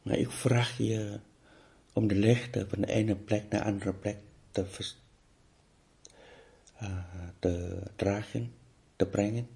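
Male spiritual teacher, low and dark-toned, slow and repetitive, sometimes nearly whispering. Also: fairly even intonation, gravelly. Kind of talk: contemplative spiritual talk.

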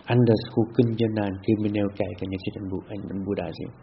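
Male meditation teacher, spiritual talk, halting restarts, lo-fi with light hiss. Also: lowish voice, level tone. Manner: deliberate, repetitive phrasing with halting restarts. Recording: dull lo-fi with faint hiss.

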